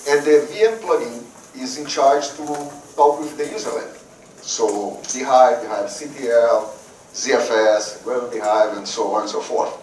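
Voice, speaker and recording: A man from Brazil, giving a technical conference talk in a halting way, often repeating words before going on. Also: medium pitch, darkish tone. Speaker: conference speaker. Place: conference room. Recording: roomy hall, voice from a distance, faint noise.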